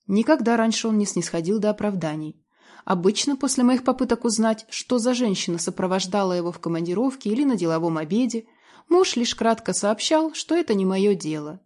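A woman's voice: medium pitch, a little mellow. A woman reading a dramatic novel aloud in the first person, in a tense, emotional way. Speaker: audiobook narrator.

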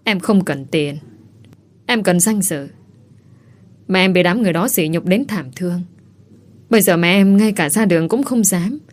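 A woman's voice: lowish voice, moderate pace, pauses often, natural voice. A woman voicing a young woman who protests her innocence in an indignant, tearful way. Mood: complaining. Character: young woman, wronged and defiant.

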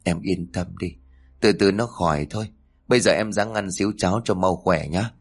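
A man reading aloud, voicing a gentle older woman in a family storybook tale who comforts her sick sister softly. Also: deep voice, normal speed, breathy edge. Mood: soothing. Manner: soft, comforting.

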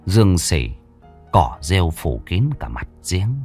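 A man narrating a ghost story in a measured, brooding way. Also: sits low, very animated, dark tone, breathy edge, soft background music.

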